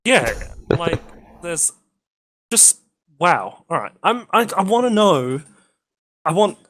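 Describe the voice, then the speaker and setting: A man's voice: high-pitched, sing-song, slow, a bit bright. A man co-hosting a casual gaming podcast, rambling with lots of ums and the odd swear. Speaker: podcast co-host.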